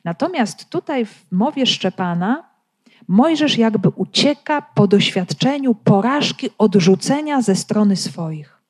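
A woman with a warm, mellow voice explains a Bible passage verse by verse. She talks thoughtfully, stopping now and then to search for the right word. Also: medium pitch, animated, a little slow. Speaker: Bible commentator. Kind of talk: reading and explaining scripture.

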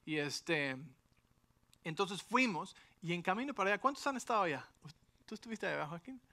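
A middle-aged man, a pastor, preaching through a lively personal story. His voice sits a little high and rings bright. He keeps pulling the congregation in with short questions as he goes. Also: moderate pace. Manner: animated storytelling with frequent rhetorical asides.

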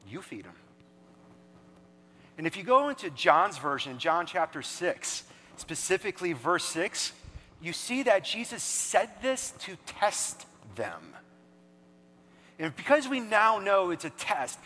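A pastor preaches a conversational sermon in a church hall, animated and quick to act out the people in his story with dialogue. His high voice is bright and forward, ringing with the long reverb of the large hall.

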